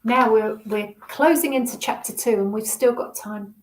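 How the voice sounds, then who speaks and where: A woman's voice: on the high side, normal speed. A woman reading a children's novel aloud expressively and chatting with young listeners. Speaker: storyteller. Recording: roomy echo.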